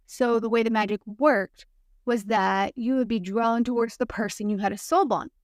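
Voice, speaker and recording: A woman's voice: a little high, no echo, studio quality, natural voice. Ginny, a woman reading as a giddy young witch. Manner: grinning, chatty.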